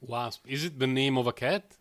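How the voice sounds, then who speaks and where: A man's voice: mid-range voice, normal speed. Chatty male game streamer. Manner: rambling, self-amused, chuckles often. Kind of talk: casual live-stream chat.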